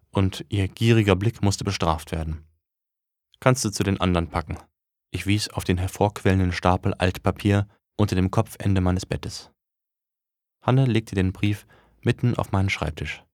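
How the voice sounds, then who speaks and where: A man's voice: low-pitched, dry recording. A man reading a first-person story aloud in a dry, wry tone. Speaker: audiobook narrator.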